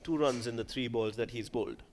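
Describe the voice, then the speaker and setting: A man's voice: mid-range voice, a little fast, slight background noise. A man giving live cricket commentary in a conversational way, putting questions to his co-commentator.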